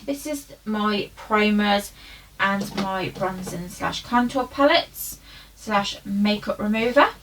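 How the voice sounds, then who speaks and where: A woman's voice: medium pitch, fairly bright tone. A young woman giving a casual, rambling tour of her makeup storage at home, with loose fillers. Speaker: beauty vlogger. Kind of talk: casual room tour chat. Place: bedroom at home. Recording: slightly distant, faint hiss.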